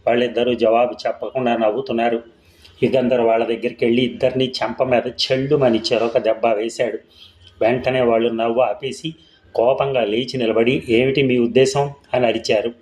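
A man reading a ghost story aloud in a steady, scripted storytelling way. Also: mid-range voice, a little fast, reverberant, rough recording. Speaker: narrator. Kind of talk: scripted audiobook narration.

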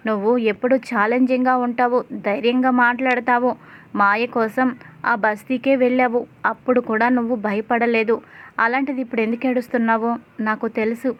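Protective, reassuring young husband, read by a woman narrator, quick pace, high voice. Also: muffled recording, natural voice.

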